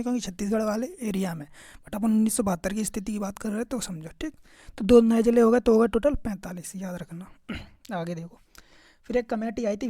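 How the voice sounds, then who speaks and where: A man's voice: high voice, warm tone, no echo, studio quality. A male teacher, giving a casual exam-prep lecture and constantly asking listeners to remember each fact. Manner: keeps repeating "okay" and "remember this", quizzing listeners.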